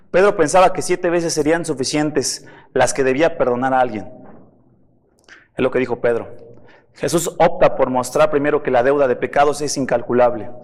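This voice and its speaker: A man preaches a sermon in a slightly high voice, pressing his listeners with rhetorical questions. His voice rings out with a long reverb, as in a church hall. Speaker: pastor.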